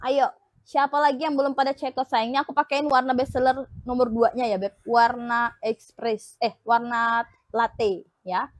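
A young woman with a high, bright-toned voice runs an online live sale, repeating her pitch and calling viewers sweet names. The sound is close and dry, with no room echo. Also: level tone, normal speed. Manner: upbeat, repetitive selling patter with pet names. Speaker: online shop live seller. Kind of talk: live-stream sales pitch.

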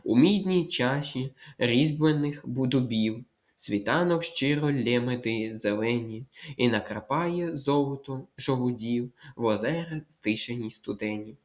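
Male tutor, mid-pitched, deliberate and repetitive, for an exam walkthrough lesson that drills listeners on rules. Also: a bit bright. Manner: slow, deliberate, repeats words and spells out letters; instructive, tells listeners to memorize rules. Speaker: Ukrainian language tutor.

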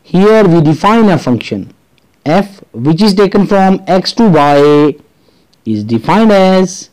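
A man with a Pakistani accent narrating a scripted maths lesson as a teacher, explaining deliberately step by step. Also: high-pitched, sing-song, a little mellow, low-quality recording. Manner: deliberate step-by-step explaining, switching between English and Urdu.

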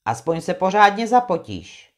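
A woman's voice: medium pitch, big pitch swings, close to an everyday voice. A woman voicing a stern, mighty male mountain spirit who gives firm commands.

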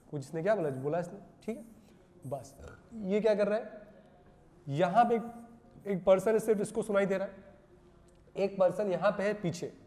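A male physics teacher with a high-sitting, mellow, dark voice lectures his class, posing rhetorical questions and answering them himself. He repeats the answers and calls his students "beta." A long reverb rings around him, as in a large hall.

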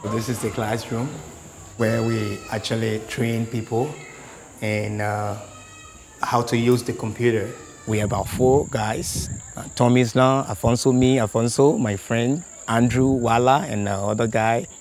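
A man's voice: mid-range voice, fairly even intonation, a little slow, a little mellow, slight background noise. A man from Liberia explaining a computer training classroom in a documentary interview. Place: dim indoor computer classroom.

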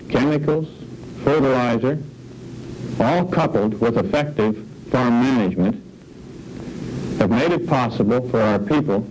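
A middle-aged man presenting an educational film on farm management, explaining in a measured way and posing questions, seated in an office. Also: mid-range voice, darkish tone, a little hiss or hum, rough recording. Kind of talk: scripted educational narration.

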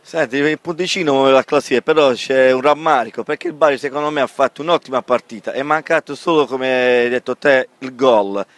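A man, a football fan, giving a measured, hopeful take after the match. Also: mid-range voice, no room sound. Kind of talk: vox pop interview.

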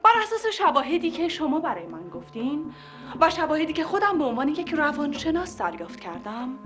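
A touchy psychologist wife who lectures in clinical words. Her voice sits high and swings widely. A music score plays under the scene. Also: very animated, a bit bright. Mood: lecturing. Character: bookish woman psychologist, prim and touchy. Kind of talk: TV comedy series acting.

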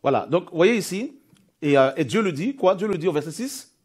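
A man preaching a sermon, his voice sitting a little high for a man. He reads scripture and explains it, pressing harder and louder on the key points. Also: lively intonation, fairly quick, husky. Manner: emphatic, builds intensity on key points. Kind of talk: sermon with Bible reading.

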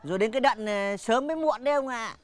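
Cheeky village crier. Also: male voice, very high-pitched, fast, a little hiss or hum. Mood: bantering. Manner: bantering and argumentative. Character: cheeky village town crier, a young husband. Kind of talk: sitcom acting.

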